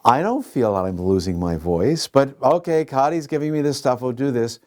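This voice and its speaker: A man, an actor, telling a relaxed anecdote in an interview. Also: medium pitch, normal speed. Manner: storytelling, relaxed.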